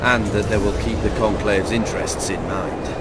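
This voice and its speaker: A man's voice: on the low side, moderate pace, over loud music, lightly acted. A man playing a haughty, sardonic king in a video game, speaking with theatrical condescension. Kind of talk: video game dramatic dialogue.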